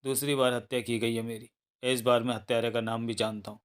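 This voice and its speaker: A man's voice: mid-range voice, a little fast, smooth, natural voice. A man voicing a confused young husband who claims to be another man, in a read-aloud thriller novel. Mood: bewildered. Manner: bewildered then calm and explaining.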